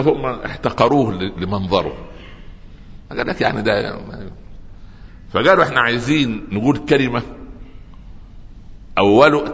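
Male preacher, lively storytelling sermon, long hall reverb, dull lo-fi sound. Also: medium pitch. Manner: lively storytelling with humor and audience asides.

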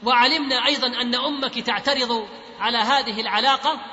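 A man's voice: extremely high pitch, fairly even intonation, fast talker, sharp tone, exaggerated voice. A man reading the questions of a probing male talk-show host, in an echoey hall on a dull lo-fi recording. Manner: questioning, read out plainly.

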